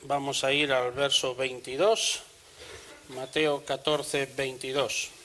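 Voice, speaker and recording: A man preaching a sermon in church, measured and earnest, also reading scripture aloud. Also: medium pitch, flat delivery, pushed and bright, a little hiss or hum, low-quality recording.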